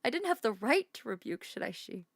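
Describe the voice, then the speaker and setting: A woman's voice: on the high side, big pitch swings, a little fast, gravelly, dry recording, clean studio sound. A woman streamer reading the text of a story game aloud, stumbling over unfamiliar words with light asides.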